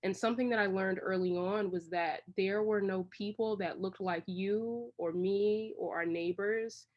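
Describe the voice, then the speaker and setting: In dull audio, a woman from Washington, D.C., who works as a creative director rambles casually through long-winded answers in an interview. She speaks a little slowly at a medium pitch with fairly even intonation.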